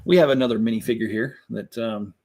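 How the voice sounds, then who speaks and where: A man's voice: medium pitch, fast talker, darkish tone. Chatty man building Lego on camera. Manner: chatty, mildly sarcastic, talks while building. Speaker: Lego channel host. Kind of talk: casual build vlog commentary.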